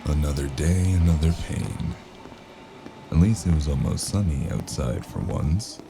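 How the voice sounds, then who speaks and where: A man playing a weary, sardonic noir gun-for-hire in an audio drama, with a gravelly voice and dry, clipped delivery. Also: lively intonation, a little slow, noisy background, full character voice. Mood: weary, brooding. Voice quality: gravelly, very low. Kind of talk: noir detective audio drama with hardboiled narration.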